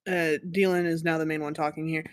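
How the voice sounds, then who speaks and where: A game master narrating a tabletop game in a halting, improvised way, stumbling over words. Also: mid-range voice, little pitch movement, smooth, no echo, studio quality.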